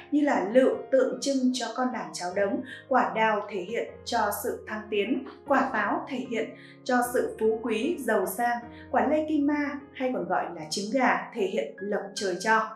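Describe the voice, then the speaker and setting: A woman giving scripted narration in an even, listing tone. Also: on the high side, moderate pace. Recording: roomy echo with faint music.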